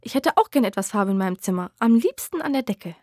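A woman's voice: a little high, expressive, quick pace, darkish tone, dry recording, clean studio sound. A woman voicing a friendly, outgoing teenage boy in a read-aloud story, asking eager, open questions.

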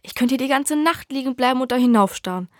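A woman's voice: high voice, expressive, quick pace, no echo, clean studio sound, voice pushed up. A woman voicing a friendly, outgoing teenage boy in a read-aloud story, asking eager, open questions.

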